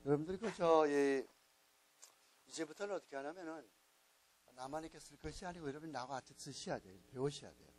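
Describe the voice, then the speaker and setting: A man with a voice on the high side speaks fairly quickly, recorded in low quality with a little hiss or hum. He's a Bible teacher at a missionary training school lecturing a class, coaxing his students as he patiently spells out letters and repeats key words.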